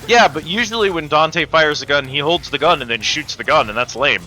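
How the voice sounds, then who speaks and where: Guy playing a video game and talking over it, super bright punchy voice, sweary and jokey, music in the back. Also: a little high, brisk. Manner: profane, jokey, slangy. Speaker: gamer playing and commentating. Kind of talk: casual let's-play commentary.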